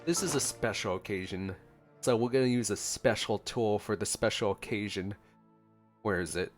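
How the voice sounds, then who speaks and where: Over soft game music, a gaming video host with a fairly low voice and moderate pace gives relaxed reaction commentary on a story quest, playfully chiming in alongside the characters.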